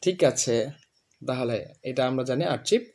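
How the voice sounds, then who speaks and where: A man teaching English pronunciation, saying each word slowly and over and over for a student to copy. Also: medium pitch, lively intonation, darkish tone. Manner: repeats words slowly, drilling the student. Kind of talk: pronunciation lesson.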